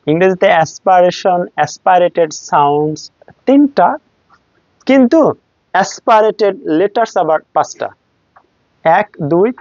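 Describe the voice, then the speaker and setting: A man's voice: sits high, darkish tone, no echo. A man with a Bangladeshi accent teaching English pronunciation, drilling words aloud and contrasting wrong and right forms. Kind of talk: classroom-style lesson. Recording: dry, slightly muffled recording.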